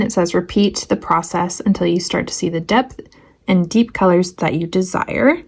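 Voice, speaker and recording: A woman's voice: medium pitch, gravelly, darkish tone. A woman hosting a casual painting tutorial in her home studio, reading out steps and breaking in with sarcastic, playful asides. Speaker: art tutorial host.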